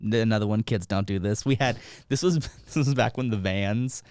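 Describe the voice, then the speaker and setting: A young man co-hosting a podcast, telling a story in casual chat, animated, acting out quotes and swearing. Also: lowish voice, moderate pace, clean tone, no room sound, clean studio sound. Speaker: podcast co-host.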